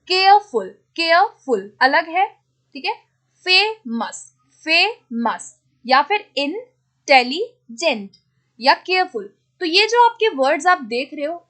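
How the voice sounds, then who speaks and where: A woman teacher giving an exam-prep grammar lesson, asking questions and then answering them, checking in often, and spelling out example words slowly. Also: high-pitched, a bit bright.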